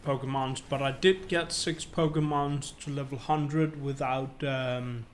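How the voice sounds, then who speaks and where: A man's voice: medium pitch, steady tone, unhurried, slight background noise. A man co-hosting a podcast, patiently explaining details in casual chat, with some stammered restarts. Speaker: podcast co-host.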